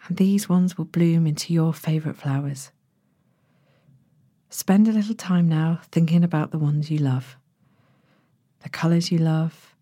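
A woman narrating a sleep story as a guided relaxation, in a gentle, hushed and breathy manner with long pauses. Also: low voice, dry recording, studio quality. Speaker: podcast host, sleep meditation narrator.

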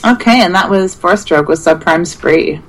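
A woman co-hosting a radio show, introducing bands in a laid-back, halting way. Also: on the low side, over music, poor audio. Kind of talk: casual radio chat.

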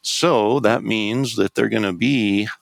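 A man giving casual, conversational hunting advice, thinking it through as he goes in a thoughtful, halting way. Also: lowish voice, creaky, no room sound, rough recording. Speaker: elk hunting expert.

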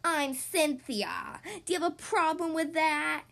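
A woman acts out a haughty female storybook monster. The voice is raspy and pulled lower, drawing words out slowly with snappish indignation. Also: expressive, pushed and bright, full character voice. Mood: indignant. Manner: slow, drawling, indignant. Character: haughty, snappish girl monster with scary claws.

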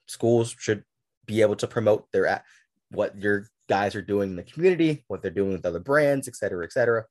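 A man's voice: lowish voice, brisk, darkish tone. A man hosting a casual sports podcast, talking loosely and sarcastically, with frequent restarts. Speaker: podcast host. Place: at home with a game on TV.

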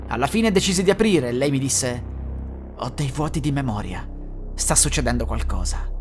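A man tells a first-person horror tale in a scripted narration, his voice sitting a little high for a man. He slows down and sinks into a low hush on the darker lines. Faint music runs beneath the reading. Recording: music bed under the voice.

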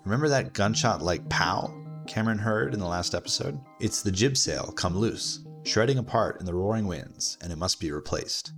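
Gravelly low-voiced male narrator. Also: expressive, normal speed, over music. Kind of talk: scripted documentary narration.

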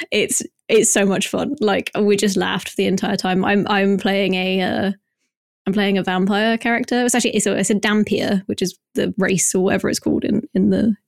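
A woman's voice: medium pitch, no room sound. Chatty giggly young woman, dry mic. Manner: chatty, giggly, lots of fillers. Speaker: news segment presenter. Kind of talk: casual podcast chat.

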